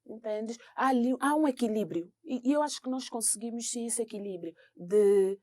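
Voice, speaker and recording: A woman's voice: on the high side, normal speed, darkish tone, no echo, clean studio sound. A young woman with an Angolan Portuguese accent, co-hosting a casual chat, speaking frankly and emphatically and often checking in with her listener. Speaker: podcast co-host.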